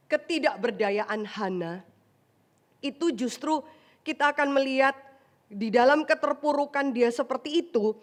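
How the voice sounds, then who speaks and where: A woman pastor with an Indonesian accent delivers a chatty, animated sermon in a church. Her voice sits a little higher than most. She drops in English phrases and briefly acts out the people she talks about. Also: a little slow, pauses often. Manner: conversational preaching, mixing in English phrases and acted asides. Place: church sanctuary.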